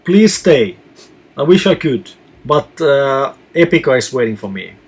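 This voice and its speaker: Husky man chatting casually. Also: mid-range voice, big pitch swings, measured pace. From Finland. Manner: reads out viewer questions, then answers in loose, friendly chat. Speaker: touring metal musician answering fan questions. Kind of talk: casual live Q&A chat.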